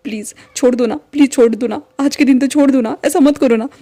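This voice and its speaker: A woman's voice: high-pitched, brisk, warm tone. A woman voicing a shy young man who keeps stammering and pleading, read within a fan story. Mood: flustered pleading.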